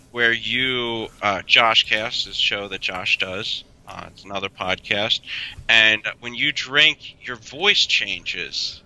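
A man's voice: mid-range voice, pushed and bright, smooth, poor audio. A man co-hosting a casual podcast chat, probing with pointed questions. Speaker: podcast co-host.

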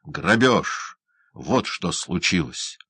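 A man voicing an excitable, fussy old male doctor who shouts and blusters. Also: sits low, very slow, husky, no room sound, exaggerated voice. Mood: excited, blustering.

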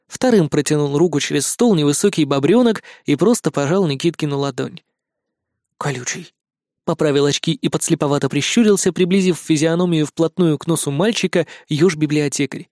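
Male audiobook narrator; slightly high voice, expressive, dry studio sound. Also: dry recording. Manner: expressive storytelling. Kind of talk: scripted narration.

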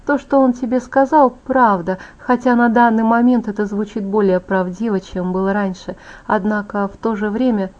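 A woman voicing a proud, beautiful young vampire woman, vain and bitter, in a soft confiding tone. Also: mid-range voice, steady tone, normal speed, few pauses, close to an everyday voice. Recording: dull lo-fi audiobook audio.

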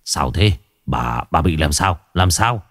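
A man voicing a gruff middle-aged village husband, who talks curtly and coarsely. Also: extremely low pitch, lively intonation, slow pace, fairly bright tone, dry recording, clean studio sound, voice pushed down, full character voice. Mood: gruff, dismissive. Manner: curt, dismissive and coarse.

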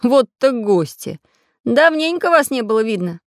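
A woman voicing a friendly male iron craftsman who welcomes guests in a raised, lively voice. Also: on the high side, measured pace, no echo, studio quality, voice pushed up. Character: kind tinkering iron craftsman man.

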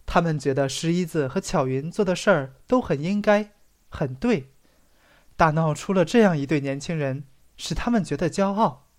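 Narrating a literary story, an audiobook reader uses an expressive storytelling style that leans on the dramatic phrases. The voice sits in the mid-range and moves at a moderate pace.

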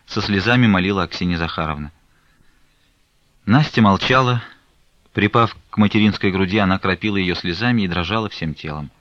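A man narrating a classic novel aloud in a measured, expressive reading. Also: low-pitched, dry recording. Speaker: audiobook narrator. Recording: dull lo-fi recording.

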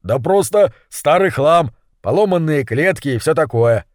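A man's voice: a little high, animated, a little slow, no echo, clean studio sound. Man doing a blubbering cowardly ratcatcher. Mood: nervous lying. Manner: blubbering, stammering. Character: panicky lying male ratcatcher, cowardly.

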